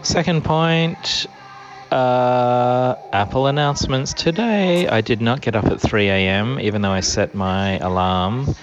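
A man's voice: mid-range voice, measured pace, music in the background. A man leaving a casual, rambling voicemail that is played back, wry and offhand in tone. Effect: played-back voicemail message. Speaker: voicemail caller. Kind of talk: casual rambling phone message. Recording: dull lo-fi voicemail playback.

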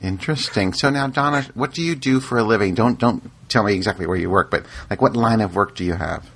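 A man's voice: on the low side, fast talker, fairly bright tone, slightly rough. A man hosting a podcast, asking questions in a casual interview style. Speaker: podcast host.

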